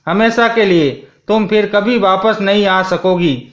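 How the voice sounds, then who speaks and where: A man's voice: high voice, echoey room. A man voicing a sorrowful ghostly husband. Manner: soft, slow, shaky.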